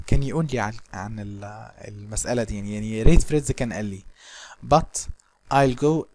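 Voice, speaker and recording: Egyptian-accented male teacher, medium pitch, slow English reading and rapid Arabic explanations, casual lesson. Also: a little mellow.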